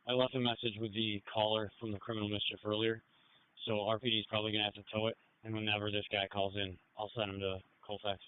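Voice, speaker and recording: A man's voice: on the low side, flat delivery, fast talker, clean tone. A man, a patrol officer, calling in over a police radio in terse, code-heavy bursts. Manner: terse, code-laden callouts. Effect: police radio transmission. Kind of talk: clipped scanner radio traffic. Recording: tinny narrow radio band.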